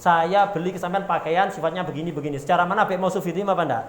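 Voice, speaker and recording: High-voiced Javanese man teaching a kitab. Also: quick pace, reverberant. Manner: reads Arabic terms then explains them, asks rhetorical questions, jokes. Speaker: religious teacher. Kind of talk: pesantren kitab lesson.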